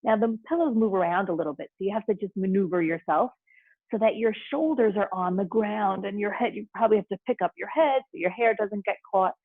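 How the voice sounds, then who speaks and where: A woman teaching restorative yoga, giving soothing, unhurried step-by-step instructions. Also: medium pitch, dry recording, phone-quality sound.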